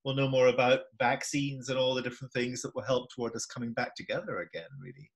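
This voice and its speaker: An older Scottish man, speaking from a room at home, interviews a guest over video call, musing and repeating himself as he thinks out loud. His mid-range voice moves at a quick pace with fairly even intonation.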